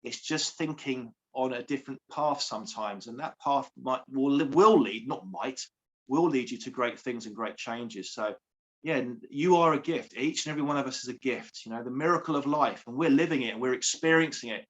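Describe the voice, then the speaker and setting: A man's voice: medium pitch, moderate pace, highs cut off. A man, a coach speaking earnestly as an interview guest, repeating phrases for emphasis. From England. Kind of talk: heartfelt interview.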